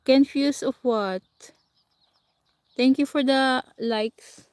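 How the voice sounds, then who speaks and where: A Filipino woman with a Filipino accent hosts a casual livestream, chatting with viewers, answering their comments and laughing often. Her high-sitting voice moves at a slow pace with no echo, picked up by a camera or phone mic set a short way off.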